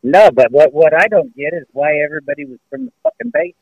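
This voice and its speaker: A man's voice: on the high side, sing-song, fast, dry recording. A middle-aged man talking over a phone call in casual chat, blunt and swearing freely. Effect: heard over a phone call. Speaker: guest, father of a co-host. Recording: dull, dry phone-call sound.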